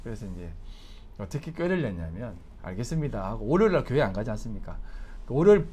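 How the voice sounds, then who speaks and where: A man, a pastor, preaching a sermon with animated swings from soft storytelling to loud exhortation, sometimes laughing as he tells stories. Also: lowish voice, quick pace, husky. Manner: acts out family dialogue with a laugh in his voice.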